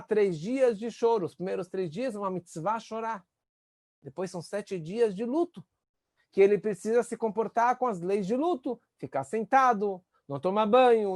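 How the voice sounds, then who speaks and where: A man, a rabbi teaching a class on empathy, earnest, and acting out the voices he quotes with sudden rises in pitch. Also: darkish tone, dry recording, studio quality. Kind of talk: spoken lesson on empathy.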